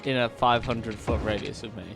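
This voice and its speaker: A man's voice: mid-range voice, steady tone, normal speed, gravelly, music in the background. Young male co-host; dry, chatty anecdotes over gameplay. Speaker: gaming podcast co-host. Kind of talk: casual chat over gameplay.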